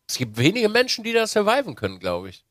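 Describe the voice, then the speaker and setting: A man's voice: high voice, wildly swooping pitch, fast, fairly bright tone, a little hiss or hum. A man, co-hosting a podcast, making dry, teasing remarks. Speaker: podcast co-host. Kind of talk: casual chat.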